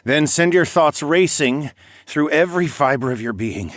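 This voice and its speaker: A man voicing a feverish old great-granduncle who mumbles low as he teaches meditation in an audiobook. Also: animated, moderate pace, fairly bright tone, no room sound, clean studio sound. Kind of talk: audiobook character voice.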